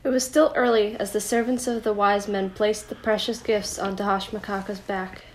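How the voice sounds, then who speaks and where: A woman's voice: mid-range voice, moderate pace, a little hiss or hum. Woman reading a storybook aloud. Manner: gentle, expressive read-aloud. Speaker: storybook reader. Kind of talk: reading a children's picture book aloud at home.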